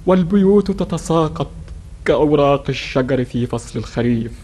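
Mellow sorrowful messenger. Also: male voice, a little high, expressive, fairly quick. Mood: mournful. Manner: formal, mournful. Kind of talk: historical drama in classical Arabic.

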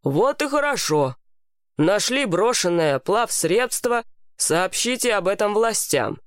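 A woman's voice: mid-range voice, very animated, no room sound, clean studio sound. A woman doing a stern police officer. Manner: strict, measured.

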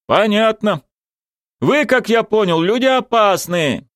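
A fussy, pompous police sergeant, overly polite and long-winded, in a high, lively put-on voice, as a male narrator plays him in an audiobook. The recording is dry and close. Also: takes it slowly, no room sound, full character voice. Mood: officious. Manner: wordy, officious, pompous.

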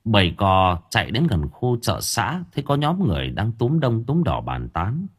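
Casting: male audiobook narrator, low and husky, lively intonation. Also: normal speed. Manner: expressive, varied intonation. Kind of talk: storytelling narration.

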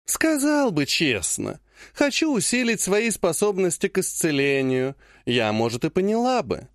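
A man voicing a powerful woman clan head who speaks in a slow, honeyed yet threatening way. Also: high voice, big pitch swings, no echo, studio quality. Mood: honeyed menace. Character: sweetly menacing older woman clan head.

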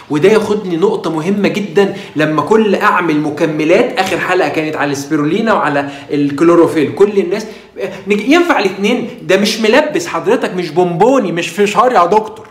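A middle-aged man with an Egyptian Arabic accent, hosting a casual health talk and lecturing viewers with animated rhetorical questions. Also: fairly high pitch, quick pace, roomy sound. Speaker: health channel host.

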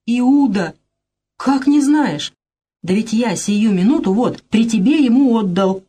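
A woman's voice: medium pitch, lively intonation, measured pace, a little mellow, slightly rough. A woman voicing a panicky, scheming middle-aged male swindler in a dramatized reading of a play, who exclaims and wails in a frantic way. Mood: furious.

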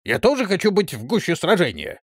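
A man's voice: high voice, huge pitch swings, brisk, slightly rough, dry recording, clean studio sound, voice pushed up, exaggerated voice. A man voicing a touchy, boastful male onion-headed medic robot in an audiobook reading. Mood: cocky.

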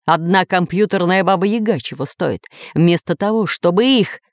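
A woman's voice: on the low side, normal speed, no room sound, clean studio sound, lightly acted. A woman voicing a pompous, angry male villain lord in a children's audiobook, growling and snapping. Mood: furious. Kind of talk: audiobook character voice.

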